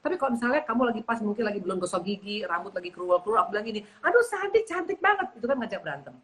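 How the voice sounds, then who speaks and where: Woman, middle-aged, fast talker, animated, acts out quotes, ministry speaker. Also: mid-range voice, slight background noise, low-quality recording. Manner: lively, acts out quoted speech in varied tones.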